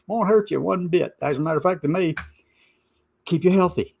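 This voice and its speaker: A man's voice: high voice, fairly quick, vocal fry, darkish tone. A man hosting an informal opinion show, stressing and repeating his points with sarcastic asides. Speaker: host of a commentary show.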